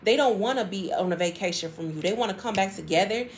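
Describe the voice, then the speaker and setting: A woman's voice: mid-range voice, fast talker, a little hiss or hum. Chatty woman giving a tarot reading. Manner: chatty and emphatic, repeats phrases, laughs often. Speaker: tarot reader. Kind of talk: casual tarot reading to viewers.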